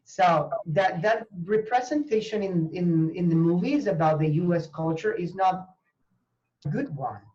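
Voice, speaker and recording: A man from Venezuela, a language teacher talking earnestly as a guest, often pausing and restarting. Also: high-pitched, darkish tone, dull audio, slight background noise. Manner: earnest, hesitant with many fillers and restarts. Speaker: language teacher, university professor. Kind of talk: conversational interview.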